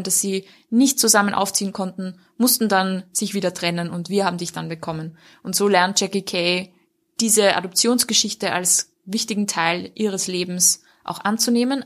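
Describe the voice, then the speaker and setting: A woman discussing a book in a conversational review, fluent and explanatory, with occasional fillers. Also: mid-range voice.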